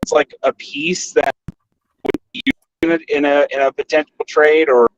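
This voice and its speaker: Halting man on a dull phone line. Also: a little high, flat delivery, a little hiss or hum. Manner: halting, hesitant. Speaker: podcast co-host calling in. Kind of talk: casual sports chat. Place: in a car. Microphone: phone call.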